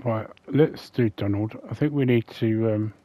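A man's voice: lowish voice, measured pace, dark tone. Man casually muttering through a let's-play. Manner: thinking aloud, muttering to himself. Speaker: gameplay commentator. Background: faint game music.

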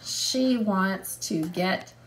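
In a very slow, mid-range voice, a woman in her thirties reads aloud to her elementary class, emphasizing key words, explaining, and asking students questions. The recording quality is low.

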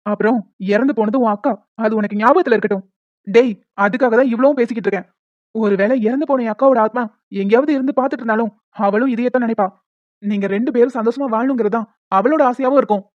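A persuasive, playful young man in a cartoon, voiced by a woman, talking fast in a fairly high voice. The recording is dry and muffled. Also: darkish tone, no room sound, lightly acted. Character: pushy, joking young brother-in-law. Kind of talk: cartoon voice acting.

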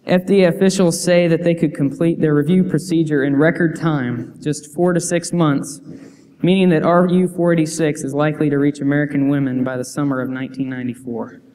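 A young man preaches briskly in a fairly high, steady, mellow voice, with slight background noise and church hall reverb. The youth preacher reads scripture and quotes aloud earnestly in the sanctuary, often restarting.

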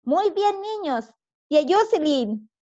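A woman's voice: very high-pitched, sing-song, slow, warm tone, lo-fi sound. A woman with a Chilean Spanish accent teaching a preschool class, talking the children through breathing and stretching.

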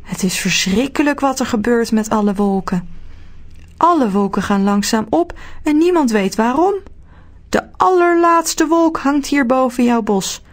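A woman's voice: fairly high pitch, animated, unhurried. A woman voicing a small, cheerful man who lives in the clouds and calls out a sing-song greeting. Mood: urgent, pleading.

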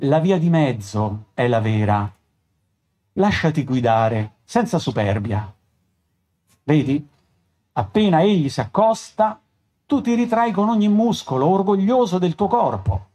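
An actor playing a gentle, fatherly old man who speaks softly and patiently, lecturing in a measured way. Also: a little high, expressive. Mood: calm admonishing. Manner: soft, paternal, measured.

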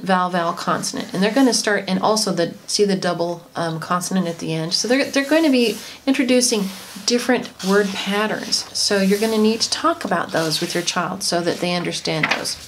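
A woman, a homeschooling mother, gently and chattily explaining a lesson in an instructional tutorial. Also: medium pitch. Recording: noisy home recording.

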